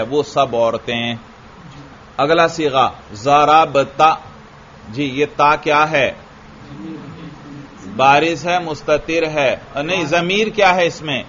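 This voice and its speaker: Guy teaching grammar in class, slow quizzing, dull lo-fi sound with faint hiss. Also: on the high side, fairly bright tone. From Pakistan. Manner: drills students with repeated questions; chants word forms slowly. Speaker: religious teacher.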